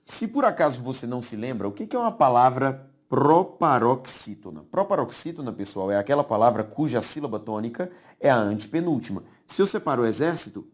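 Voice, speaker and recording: Animated Brazilian grammar teacher lecturing. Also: male voice, medium pitch. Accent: Brazilian Portuguese. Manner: explains slowly, repeats key words, checks understanding often. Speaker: Portuguese grammar teacher for exam prep. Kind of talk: classroom lecture.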